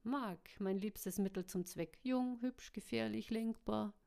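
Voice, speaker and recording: A cruel storybook villain gloats and sneers at his captives, as a woman reading aloud puts him on. He taunts in a voice pushed a little louder than the narration around him. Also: medium pitch, slow, creaky. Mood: gloating.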